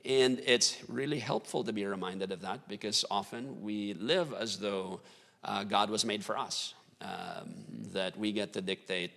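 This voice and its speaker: A man's voice: on the low side, a little slow, gravelly, a bit bright, big-room sound. A man explaining theology in a casual discussion, thoughtful with many fillers. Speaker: guest theologian.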